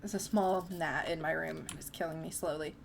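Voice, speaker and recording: A woman's voice: deep voice, steady tone, moderate pace, gravelly, slight background noise. A young woman chatting casually through a game, reading its text aloud and laughing often. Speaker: gamer streamer. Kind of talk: casual let's-play commentary.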